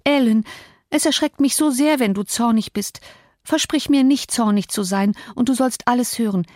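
A woman's voice: a little high, normal speed, darkish tone, no room sound, clean studio sound, voice pushed up, natural voice. A woman voicing a young woman in a storybook who has been caught out and earnestly pleads with her nurse. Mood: pleading.

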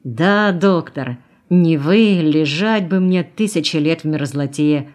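A woman's voice: low-pitched, slow pace, a little mellow. A woman reading the lines of a plainspoken, grumbling male truck driver in an audiobook.

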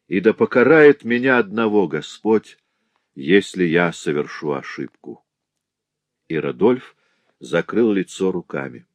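A man narrating a classic novel as an audiobook in an even, measured way. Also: lowish voice, dry recording.

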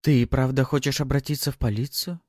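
A man's voice: mid-range voice, steady tone, quick pace, darkish tone, no echo, studio quality, voice pushed up, lightly acted. A man voicing a mocking female succubus who drawls her words with sarcasm. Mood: sarcastic.

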